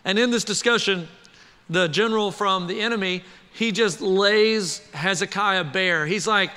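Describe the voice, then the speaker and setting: A man preaching a sermon to a congregation, animated and conversational, often asking the crowd questions. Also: sits high, measured pace, clean tone, big-room sound. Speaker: pastor.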